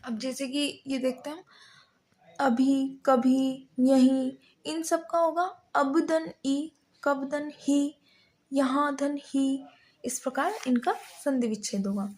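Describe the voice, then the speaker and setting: A woman's voice: high-pitched, steady tone, darkish tone. A woman teaching a Hindi grammar lesson, patiently breaking words into their parts one piece at a time. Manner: slow, patient, spelling out word parts one by one.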